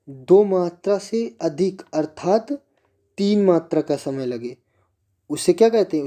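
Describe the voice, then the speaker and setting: Slow, patient, very dark-voiced male teacher. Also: fairly high pitch. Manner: slow, patient, asks the class questions and answers them himself. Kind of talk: classroom lesson on Sanskrit grammar.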